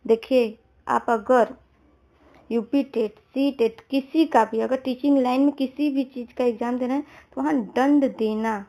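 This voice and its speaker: A woman's voice: sits high, fairly even intonation, unhurried, warm tone. A woman teaching exam prep, talking through answer options, often checking understanding with everyday examples. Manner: repeats "theek hai" to check understanding. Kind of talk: explaining exam questions.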